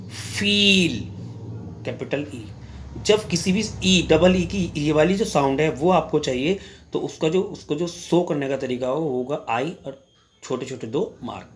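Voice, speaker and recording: A man teaching a class in Hindi, reading English examples slowly and answering his own questions as he explains. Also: fairly high pitch. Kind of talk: classroom lecture.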